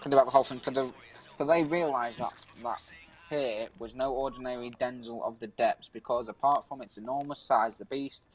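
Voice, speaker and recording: A man's voice: mid-range voice, steady tone, poor audio. A man on a gaming podcast who reads an urban legend article aloud while playing, often stumbling and restarting his words. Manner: halting reading with frequent stumbles and restarts. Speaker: podcast co-host.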